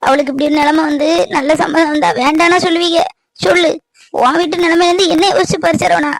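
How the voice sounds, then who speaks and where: A woman plays a worried middle-aged village mother in a cartoon, speaking. Her voice sits high and her pleas come earnest and tearful. The recording is close and bone-dry. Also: fairly even intonation, fast, no echo. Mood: pleading. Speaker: voice actor. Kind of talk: cartoon voice acting.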